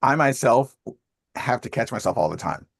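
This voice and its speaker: A man hosting a group video call, talking fast in a casual way and laughing often. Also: mid-range voice, animated, vocal fry, no room sound, studio quality. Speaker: call host.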